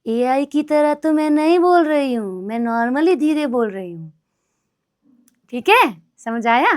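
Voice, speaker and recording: Higher-pitched woman teaching an online class. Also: big pitch swings, slow. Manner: explains step by step, checking in with "ठीक है?"; chatty, addresses students as "मेरे भाई".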